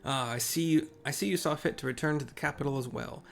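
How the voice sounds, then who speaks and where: A man's voice: medium pitch, fast talker, gravelly, slight background noise, lightly acted. A man voicing a haughty inquisitor from a fantasy game, speaking formally and pompously. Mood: haughty, evasive. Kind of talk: game dialogue read aloud.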